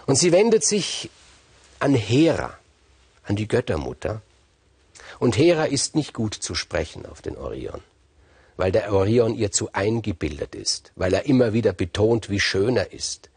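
A male storyteller retelling a myth in a lively, conversational manner, adding emphatic asides as he goes. His low voice is gravelly and husky. The recording is dry and close. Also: a little slow, dry recording. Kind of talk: freely told myth narration.

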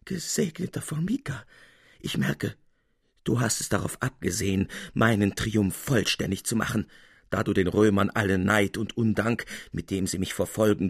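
A man's voice: lowish voice, fairly even intonation, normal speed, vocal fry, slightly rough, no room sound, studio quality, pitched below the performer's own voice. A man doing a pompous, stingy old uncle. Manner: pompous, lisping tone.

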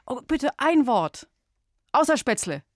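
A woman's voice: high voice, big pitch swings, measured pace, a little hiss or hum. A woman hosting a children's radio show, chatty and playful, laughing easily with callers.

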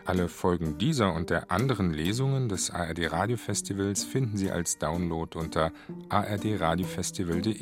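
Deep-voiced male radio presenter. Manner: calm, formal, measured. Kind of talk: radio announcement. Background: guitar music.

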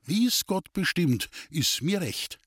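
A man's voice: high voice, sing-song, takes it slowly, fairly bright tone, slightly rough, no echo, studio quality, pitched above the performer's own voice, heavily acted. A man voicing a proud, stubborn young soldier with a Bavarian accent, speaking eagerly and insistently. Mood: determined.

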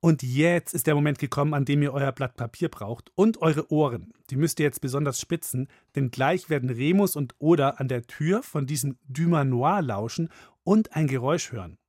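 A man's voice: on the high side, moderate pace, a little mellow, dry recording, studio quality. Man explaining things to kids. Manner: direct, addresses listeners, quizzing. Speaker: host explaining to children.

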